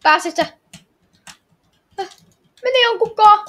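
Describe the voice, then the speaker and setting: A high-pitched woman gamer plays an online game with others, chattering casually and shouting with excitement. She is excitable and keeps repeating short phrases and exclamations.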